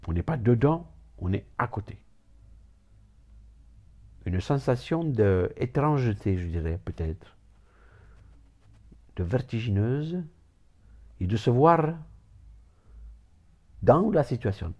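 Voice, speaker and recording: A man's voice: medium pitch, lively intonation, slow, long pauses, warm tone, muffled recording. Rambling man giving a mock lecture. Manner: rambling, repeats words, stumbles playfully over words.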